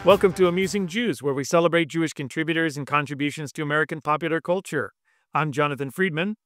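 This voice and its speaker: A man co-hosting a podcast, reading a scripted introduction in a smooth, even manner. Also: on the high side, quick pace, dry recording. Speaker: podcast co-host.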